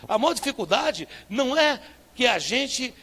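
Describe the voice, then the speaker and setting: A male pastor with a Northeastern Brazilian accent, preaching a sermon with rhetorical questions and sudden loud bursts. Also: very high-pitched, sing-song, unhurried, breathy edge. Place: church service.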